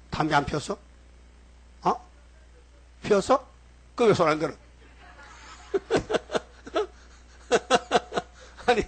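Husky high-voiced male pastor preaching. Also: fairly bright tone. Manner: rambling, questions the congregation directly. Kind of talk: sermon. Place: church.

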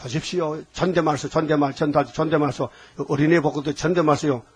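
An older pastor gives a fiery sermon, firing rhetorical questions at the congregation and swinging from shouts to low, hushed lines. His husky voice is fast and steady in tone.

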